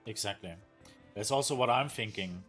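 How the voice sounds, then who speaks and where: A young man with a German accent commentates a strategy game match, fairly low in pitch and eager. He stumbles over words now and then but keeps the energy up. Faint game music plays behind him. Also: moderate pace, fairly bright tone. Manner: enthusiastic, thanks viewers, searches for words. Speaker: caster. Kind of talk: esports commentary.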